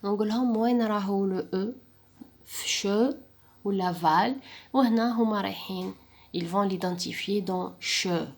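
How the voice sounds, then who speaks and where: A woman teacher walking other teachers through a lesson. She switches between French and Arabic and sounds words out slowly and clearly. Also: mid-range voice. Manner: slow, clearly sounded-out words when modeling the exercise; mixes French and Arabic dialect mid-sentence. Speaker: primary school teacher. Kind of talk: classroom lesson walkthrough.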